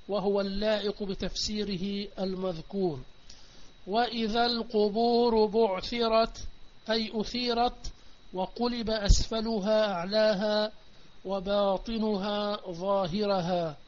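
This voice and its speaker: A man from Palestine teaching an online lesson on Quran recitation rules, explaining step by step and often checking that his students understand. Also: high-pitched. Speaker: Islamic teacher. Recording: dull lo-fi voice chat with faint noise.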